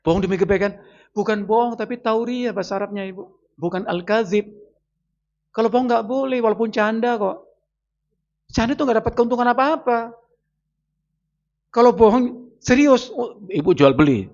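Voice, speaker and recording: A man's voice: very high-pitched, normal speed, pauses often, darkish tone. A male preacher giving an Islamic study lecture in a mosque, talking straight to the women listening and acting out little everyday scenes. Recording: dull lo-fi sound.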